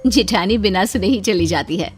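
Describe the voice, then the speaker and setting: A woman narrating a cartoon story in a steady, plain storytelling manner. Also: mid-range voice, moderate pace, slightly rough, faint music behind.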